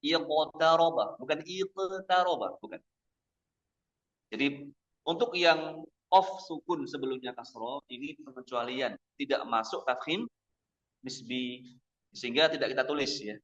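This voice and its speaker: A man teaching Quran pronunciation at a mosque study session. He drills each sound slowly and repeats it several times, contrasting the correct reading with wrong ones. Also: mid-range voice, a bit bright. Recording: dull lo-fi lecture recording.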